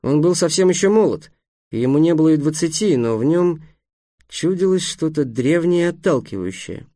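A man's voice: expressive, no room sound, clean studio sound. Dramatic male audiobook narrator. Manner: measured, dramatic, dropping low and soft for ominous pauses. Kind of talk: scripted narration.

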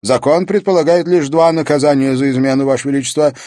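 A man reading an audiobook, voicing a fussy, insistent male royal chamberlain whose formal talk rises to shrill protest. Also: fairly even intonation, quick pace, dark tone, no room sound, clean studio sound, natural voice.

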